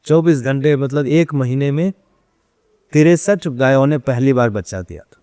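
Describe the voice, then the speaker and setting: Brief: male interview guest, a storyteller who acts out quoted exchanges and drops in English phrases. Mid pitch, dry close sound. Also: a little slow, dark tone, no room sound. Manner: mixes English phrases into speech. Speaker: interview guest, runs an ashram cow shelter. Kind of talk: casual interview conversation.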